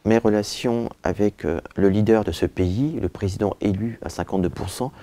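A man in his forties, born in Turkey and raised in France, answers interview questions in an office lined with bookshelves, recorded on a lapel mic. His low, mellow voice moves at normal speed in a dry recording, full of "euh" and "je dirais" before he presses his points emphatically.

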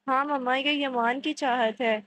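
A woman's voice: sits high, fairly even intonation, fairly bright tone, a little hiss or hum. A woman reading the lines of a stubborn, devoted boy who pleads and protects in a storybook reading. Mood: sweet. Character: stubborn devoted young boy, later young man.

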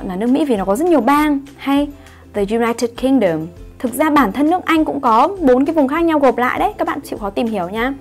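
A woman English teacher, explaining grammar in an online lesson and often asking her students whether they follow. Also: high-pitched. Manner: explains patiently, asks "right?" to check understanding.

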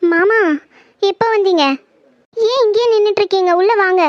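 A woman voicing a young daughter-in-law who patiently calms her grieving elders in a dramatized horror story. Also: very high-pitched, moderate pace, no room sound, highs cut off. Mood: soothing. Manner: soothing, reassuring.

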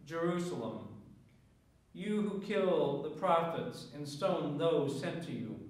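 A man with a somewhat high voice speaks slowly and deliberately, as a priest at Mass. His words ring with a long cathedral echo, caught by a microphone set far back in a large church. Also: animated. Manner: slow, measured liturgical delivery. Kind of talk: proclaiming the gospel and giving a homily at Mass.

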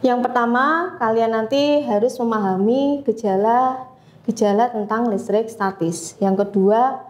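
A woman teaching a physics lesson, explaining step by step with frequent pauses and fillers. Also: on the high side, a little mellow. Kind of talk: classroom lecture.

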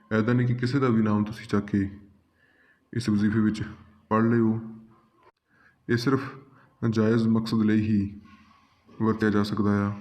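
Low, flat-voiced man teaching. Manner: calm, repetitive, addresses listeners as friends. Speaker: channel host giving religious instruction. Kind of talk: spoken instruction to viewers.

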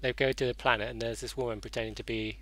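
A man's voice: mid-range voice, little pitch movement, quick pace, a bit bright, rough recording. A young man hosting a gaming show in casual let's-play commentary, rambling with fillers and self-corrections.

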